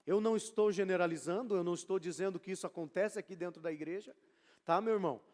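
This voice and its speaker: A pastor, reading scripture and explaining it with casual asides in a sermon. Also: male voice, sits high, fast, darkish tone. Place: church sanctuary. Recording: long church hall reverb.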